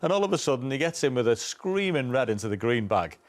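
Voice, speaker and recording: A man giving unscripted, emphatic snooker punditry in an animated way. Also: medium pitch, fast.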